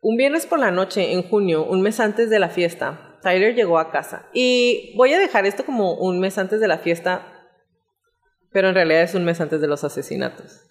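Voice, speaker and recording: A woman hosting a podcast, telling a true crime story in a relaxed narrating tone. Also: mid-range voice, normal speed, in a large hall. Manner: reads out chat messages in a relaxed narrating tone. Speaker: podcast host.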